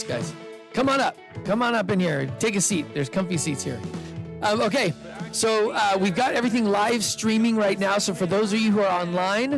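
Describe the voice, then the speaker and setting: The voice is creaky: a man, an investor serving as host, runs a live pitch event in an indoor room, chatting casually and upbeat into a handheld mic for the audience and restarting his sentences loosely.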